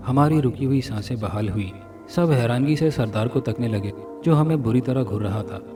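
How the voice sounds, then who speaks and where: A man reading a scripted horror story dramatically, sounding a little far from the mic over loud music. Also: mid-range voice, normal speed. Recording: narration from a distance with loud music.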